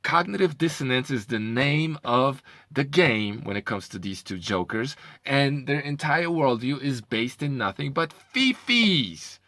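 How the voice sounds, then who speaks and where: A man's voice: medium pitch, lively intonation, measured pace, hardly any pauses, sharp tone, no echo. A man giving a heated, profane rant as a video commentator, often stumbling over repeated words. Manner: heated, profane, repetitive ranting with stammered restarts. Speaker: commentary vlogger.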